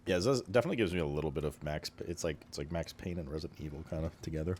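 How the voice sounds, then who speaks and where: A man's voice: extremely low pitch, rapid-fire, darkish tone, a little hiss or hum. A man giving laid-back, offhand commentary while playing a video game. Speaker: let's play host. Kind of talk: casual gameplay commentary. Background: game music.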